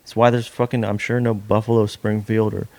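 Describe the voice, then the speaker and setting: A country musician appearing as a podcast guest chats casually, rambling and swearing freely. His voice sits lowish with a level tone, brisk pace, vocal fry and a warm quality.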